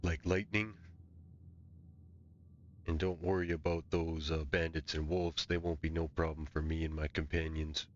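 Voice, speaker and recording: A man's voice: very deep voice, little pitch movement, moderate pace, pauses often, highs cut off, slight background noise. A man improvising in character as a fantasy game player, bantering in a folksy way. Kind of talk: improvised in-character role-play chat.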